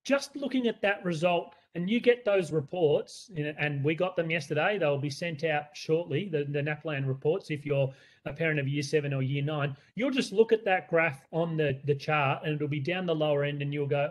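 An Australian man who leads a school, presenting to parents in an earnest, conversational way with many fillers and restarts. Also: fairly high pitch. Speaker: school leader.

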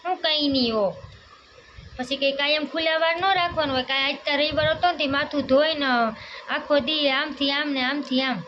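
Young mom vlogging at home, doting chatty tone, muffled audio w/ loud noise behind. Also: female voice, high voice, steady tone, normal speed. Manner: chatty, doting, talks to her small daughter. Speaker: family vlogger, mother. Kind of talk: casual home vlog chat. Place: home, indoors.

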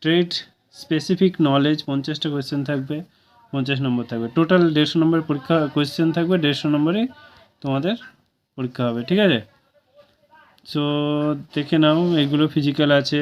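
A fast-talking man with a slightly high voice and steady tone, speaking with a Bengali accent, casually explains a job vacancy notice. He keeps asking his viewers "okay?" to check they follow. It's a dull, lo-fi recording.

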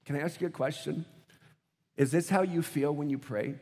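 A man preaching a sermon as pastor, moving between hushed, slow prayer and loud, quick bursts, acting out scripture scenes in mock voices. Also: on the high side, big-room sound. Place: church auditorium.

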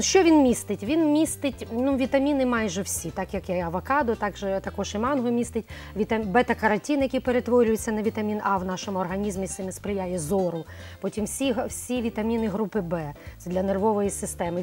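On a morning TV studio set, a middle-aged cosmetologist guest chats through her explanations, hesitating often. She talks a little fast in a medium-pitched, somewhat dark voice, with faint music behind her.

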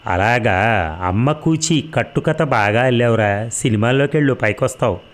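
A man's voice: mid-range voice, moderate pace, lightly acted. Brief: brutal, mocking male cop interrogating a suspect, read by a man. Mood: taunting. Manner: taunting, threatening, sneering. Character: harsh, abusive male police interrogator.

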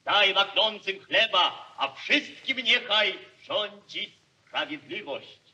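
An actor playing a solemn nobleman who gives a slow, half-chanted toast in stage verse. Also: sits high, animated, sharp tone, exaggerated voice. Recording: voice heard from a distance.

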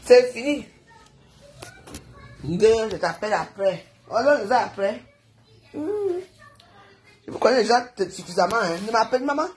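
A woman's voice: on the high side, lively intonation, darkish tone, reverberant. Scolding woman ranting on a live stream. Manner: scolding, rapid rhetorical questions. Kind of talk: heated live-stream rant.

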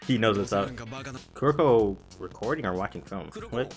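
Excitable young man reacting with slang. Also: mid-range voice, unhurried, over music. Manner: excitable, bursts into shouts of disbelief; slangy, says "bro" constantly. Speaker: anime reaction youtuber. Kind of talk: casual reaction commentary.

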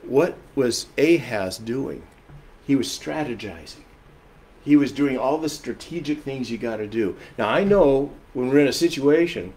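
Male pastor preaching, earnest, gets loud then soft, repeats himself a lot, average pitch. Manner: earnest, emphatic, shifts often between loud and soft; repeats and restarts phrases while explaining. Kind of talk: sermon.

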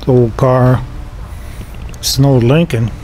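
A man's voice: mid-range voice, fairly even intonation, slow, a little mellow, a little hiss or hum, low-quality recording. A man casually narrating as he films his walk through an indoor flea market, making wry remarks. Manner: chatty, wry remarks while filming. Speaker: vlogger touring a flea market.

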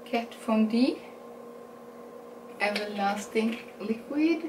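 This small-room recording has roomy sound and a steady hiss, with the camera mic placed far from a woman whose voice is on the high side. She's a Norwegian beauty vlogger in her forties, unhurriedly chatting through a makeup haul in English with a Norwegian accent, correcting herself and laughing at her English.

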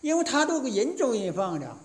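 A man's voice: extremely high pitch, sing-song, fairly quick. A man in his sixties with a Northeastern Chinese accent, giving a lecture as a folksy, colloquial storyteller. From Northeast China. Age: 60s. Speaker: folk lecturer.

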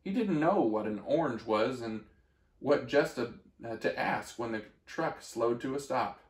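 A man reading a children's storybook aloud in a gentle, expressive way. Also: mid-range voice, measured pace, echoey room. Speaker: story reader.

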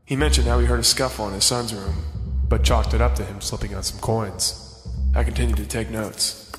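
A man playing a private investigator, narrating in a hard-boiled comic style and reacting with deadpan exasperation. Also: on the low side, brisk, music in the background, lightly acted.

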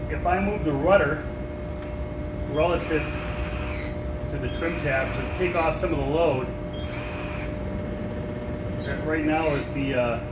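A man's voice: fairly high pitch, takes it slowly, long pauses, heavy background noise. Older man explaining a boat repair. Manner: relaxed, explains step by step while working. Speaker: sailing vlogger. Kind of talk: hands-on how-to demonstration. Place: large boat storage shed, indoors.

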